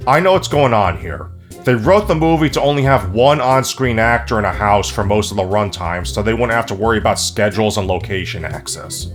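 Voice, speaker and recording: A man's voice: on the low side, fairly quick, faint music behind. Snarky profane male movie reviewer. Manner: snarky, profane, deadpan jokes. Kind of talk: sarcastic comedic movie review narration.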